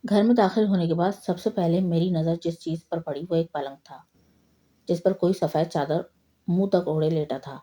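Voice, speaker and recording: A woman reading a horror story aloud in a steady, low-key way. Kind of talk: scripted horror story narration.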